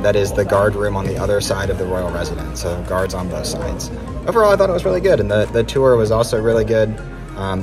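A man in his thirties talks to a phone held out at arm's length in a grand palace room, recapping the day for a travel vlog. His voice sits a little low and relaxed, full of ums and loose asides. A music bed runs clearly under the phone audio. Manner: chatty, many ums, relaxed recounting. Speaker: travel vlogger. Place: inside an ornate palace room, later outdoors in snow. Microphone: phone held at arm's length, selfie framing.

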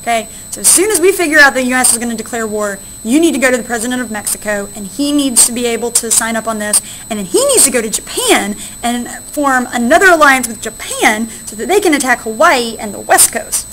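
A fairly high-pitched woman teacher talking a class through a history lesson. She explains patiently and keeps checking understanding with a quick "right?". Her delivery is conversational rather than scripted. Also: lively intonation, a bit bright, slight background noise, rough recording. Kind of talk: recorded classroom lecture.

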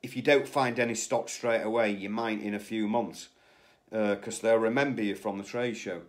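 A man in his forties sits in an office chair in a small indoor room, hosting a live stream about flipping surplus goods, filmed on a phone camera held at arm's length. His voice is lowish and fairly even, at a moderate pace, and he rambles through casual advice with many fillers and restarts, gesturing with his hands.

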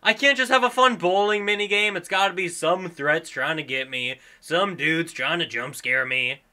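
A young adult man doing excited video game commentary as a streamer, exclamatory and jokey, talking in casual slang. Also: a little high, moderate pace.

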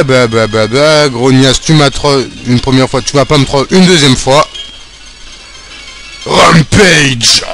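A young man commenting on his own game playthrough, chatty and excitable, swearing and shouting at the screen when things go wrong. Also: mid-range voice. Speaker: let's play gamer.

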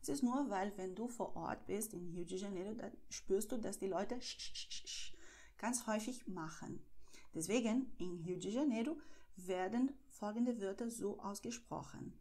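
A woman from Brazil with a São Paulo accent, a native Portuguese speaker, giving an online pronunciation lesson in German, slow and deliberate, often checking in with "Okay?". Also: medium pitch, dark tone. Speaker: language teacher.

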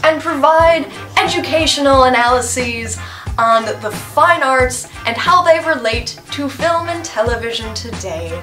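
A woman's voice: sits high, expressive, unhurried, over music. A young woman hosting an art and film vlog, chatty and playful, poking fun at her own slips. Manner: playful, self-mocking, stumbles and laughs at herself. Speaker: host of an art and film channel. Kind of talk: casual talking-to-camera vlog.

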